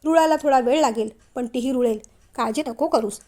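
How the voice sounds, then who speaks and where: A woman's voice: high-pitched, brisk, close to an everyday voice. A woman voicing a middle-aged father who is caring at heart but scolds his grown sons in a storybook reading. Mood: gentle. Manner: calm, then scolding.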